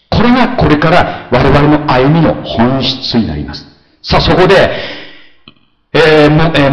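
A man preaching a sermon as pastor, animated, swinging between soft asides and loud exclamations, often asking his listeners questions. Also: fairly high pitch, roomy sound, rough recording. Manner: conversational, asks the congregation questions.

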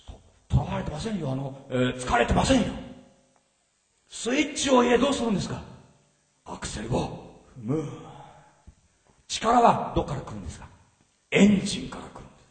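A man preaching a sermon as pastor, animated and often asking the congregation questions. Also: very high voice. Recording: roomy hall reverb, from a distance.

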